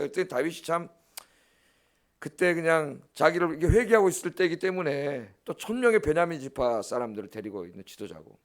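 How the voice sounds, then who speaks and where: Preaching at a dawn service, a middle-aged male pastor is forceful and direct, regularly engaging the congregation and tossing in scolding remarks. The voice runs high, slightly bright, with vocal fry.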